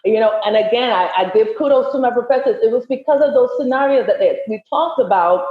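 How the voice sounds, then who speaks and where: A woman's voice: on the high side, quick pace. A woman, an entertainer, talking as a podcast guest in an articulate, emphatic way. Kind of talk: casual interview chat. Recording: echoey, dull lo-fi sound.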